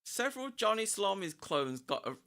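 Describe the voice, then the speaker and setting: A woman's voice: medium pitch, very animated, brisk, a bit bright. A woman with a boyish voice chatting casually on a livestream, rambling and often repeating or breaking off her phrases. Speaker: live streamer.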